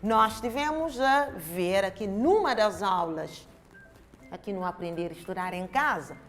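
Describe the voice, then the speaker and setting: Woman teacher with a European Portuguese accent, lively sing-song pitch, spells out syllables slowly for young kids. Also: soft background music. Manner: slow, drawn-out syllables with exaggerated emphasis for young children. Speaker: primary school teacher. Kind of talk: televised home-learning lesson.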